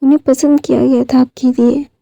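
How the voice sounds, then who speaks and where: A woman's voice: high-pitched, little pitch movement, moderate pace, gravelly, dark tone, no room sound, lo-fi sound. A woman voicing an upset, confused young man who keeps protesting.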